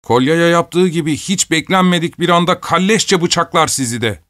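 Male reader doing a pack of yelling, taunting young schoolboys, raised pitch, very dry recording. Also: normal speed, no room sound, close to an everyday voice. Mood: jeering, shouting. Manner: shouting, taunting. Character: excited jeering schoolboys around eleven.

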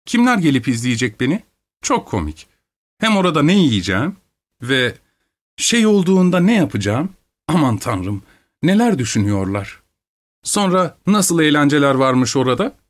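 A man reading an audiobook aloud, voicing a flighty, capricious young married woman in a higher, petulant voice with frequent exclamations. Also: sing-song, moderate pace. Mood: indignant. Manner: petulant, high-strung, exclaiming.

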